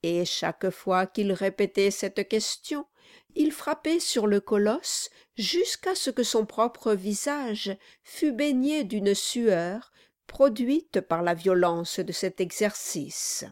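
Woman narrator, scripted literary audiobook reading, slow and measured, dry close sound. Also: mid-range voice, lively intonation, a little mellow, dry recording.

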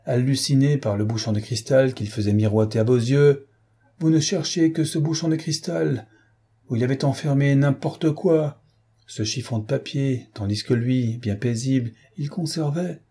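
Authoritative older-sounding official, husky and low in tone, read by a man. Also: moderate pace, warm tone. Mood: cutting. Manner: clipped, authoritative, condescending. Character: stern male official, middle-aged, self-assured.

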